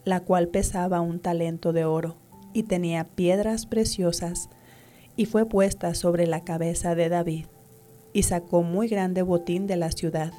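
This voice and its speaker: A woman reading scripture aloud in a measured, even way. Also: on the low side. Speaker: scripture reader.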